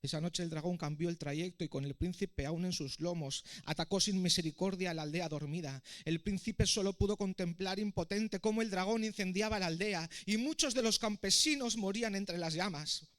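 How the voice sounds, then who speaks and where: A man's voice: sits high, moderate pace, few pauses. A man, a preacher narrating a parable dramatically in a sermon. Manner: dramatic, expressive storytelling.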